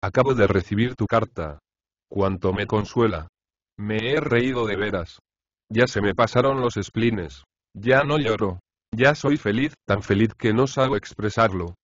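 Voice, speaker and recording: A man's voice: on the low side, no echo. Man reading a novel aloud, dry and dull. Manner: expressive, measured first-person reading. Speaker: audiobook narrator. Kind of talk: scripted reading of letters from a novel. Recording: slightly dull, lo-fi dry recording.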